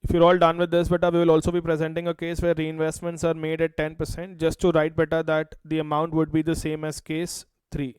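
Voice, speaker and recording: A man with an Indian accent gives a classroom lecture in a crisp, fairly high voice. His delivery is instructive and repetitive, staying on an even pitch as he addresses his students. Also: brisk, few pauses, dry recording, low-quality recording. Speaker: finance teacher.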